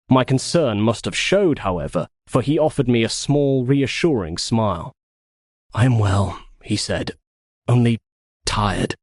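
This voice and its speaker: A man reading a first-person novel as an audiobook with expressive storytelling. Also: fairly low pitch, no room sound, clean studio sound. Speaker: audiobook narrator.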